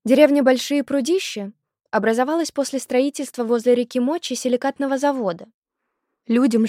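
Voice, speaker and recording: A woman narrating a novel as an audiobook, reading in a measured, expressive way. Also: fairly high pitch, dry recording, clean studio sound. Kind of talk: scripted narration.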